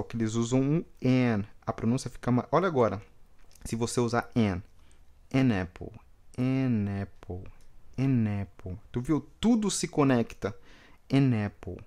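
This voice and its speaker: A man with a Brazilian Portuguese accent giving an online English class, in a voice of ordinary middle pitch. He repeats each example over and over and stresses key words with sudden upward jumps. He keeps checking in with his viewers. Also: darkish tone. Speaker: English teacher.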